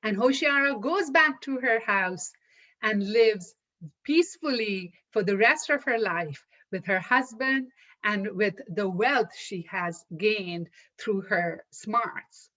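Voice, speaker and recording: A woman telling a folktale aloud in an unhurried way, with small restarts. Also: mid-range voice, a bit bright. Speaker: storyteller. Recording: dull lo-fi recording.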